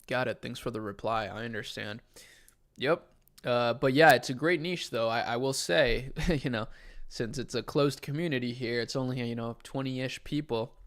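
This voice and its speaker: A man's voice: medium pitch, moderate pace. A young adult man from Chile, casually chatting as a livestream host and answering viewers' questions. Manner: relaxed, conversational, answers chat questions.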